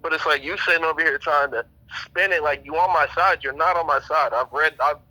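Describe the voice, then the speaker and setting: A man's voice: on the high side, steady tone, fairly quick, bright, forceful tone, low-quality recording. A young man talking casually and profanely over the phone as a trial witness, rambling and quoting what others said to him.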